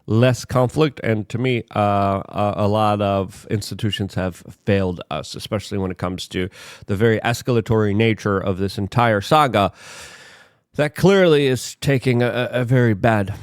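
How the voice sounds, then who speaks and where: A man from Poland giving opinionated political commentary, hesitant and full of filler words, with sudden emphatic jumps in pitch. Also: moderate pace, clean tone, dry recording, clean studio sound.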